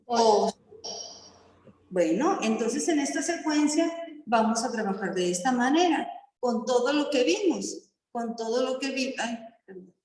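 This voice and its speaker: A woman teaching a primary school class, her rather high voice moving at an unhurried, deliberate pace. She breaks up her explanations with short checking questions to the children. The classroom is echoey, with a long trailing reverb. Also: lively intonation, darkish tone, a little hiss or hum. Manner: slow, patient explaining with frequent checking questions. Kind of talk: classroom lesson on poetry.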